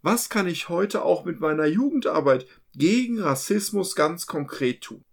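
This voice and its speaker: A man hosting a podcast, his voice slightly high for a man and gravelly. He talks earnestly and at times with passion. It sounds like a conversation recorded for a podcast. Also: animated, normal speed. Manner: earnest, impassioned. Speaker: podcast host. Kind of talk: hosted podcast talk.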